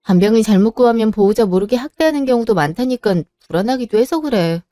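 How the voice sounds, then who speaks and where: A woman's voice: a little high, expressive, fast talker, dark tone, no room sound, soft background music, lightly acted. A woman playing a cold, stubborn husband. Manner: blunt and unyielding. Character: cold, dismissive husband, busy working man. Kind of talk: Korean drama voice acting.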